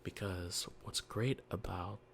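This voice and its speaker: A soft-spoken man as a dungeon master in a whispered role-play, explaining gently and patiently with many fillers, speaking quietly at home. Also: sits low, fairly even intonation, slow pace, vocal fry, a little hiss or hum. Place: quiet home early morning.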